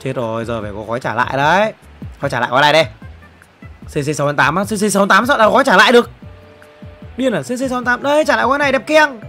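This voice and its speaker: Excitable male streamer. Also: high voice, rapid-fire, long pauses, soft background music. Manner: excitable, exclamatory, jumps between shouting and muttering. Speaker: game streamer. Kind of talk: live-stream commentary while opening player packs.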